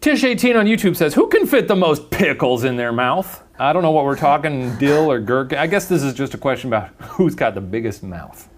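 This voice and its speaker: A man's voice: fairly high pitch, very animated, brisk, few pauses, slight background noise. Young guy cohosting a chat show, jokey and playful, voice swings way up and down all over. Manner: playful, laughs often, jokey asides. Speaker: co-host. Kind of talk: casual chat.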